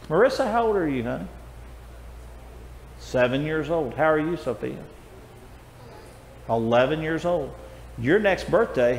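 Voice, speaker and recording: Older man quizzing children in an echoey church. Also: on the high side. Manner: friendly, coaxing, asks children by name. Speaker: children's Bible class teacher. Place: church auditorium with pews. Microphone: far camera. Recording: echoey hall from afar with faint noise.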